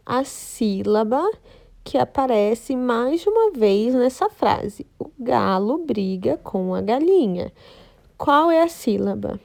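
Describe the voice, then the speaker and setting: A woman's voice: a little high, creaky, a little mellow. A woman teaching an online lesson for young children, patiently explaining each task step by step. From Brazil.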